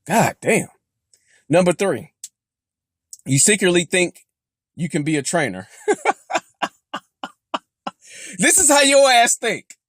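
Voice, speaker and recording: A man's voice: high voice, sing-song, measured pace, long pauses, fairly bright tone, slightly rough, dry recording, studio quality. A young man, a fitness vlogger delivering a blunt, mocking motivational rant full of swearing.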